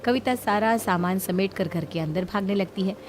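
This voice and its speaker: A woman narrating a cartoon family story in an even, storytelling manner. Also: mid-range voice, normal speed, a little hiss or hum.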